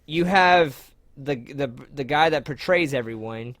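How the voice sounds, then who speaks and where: A man co-hosting a casual movie podcast, recapping the plot in a halting way and laughing easily. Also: medium pitch, a bit bright, no room sound. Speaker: podcast co-host. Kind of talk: casual movie-review chat.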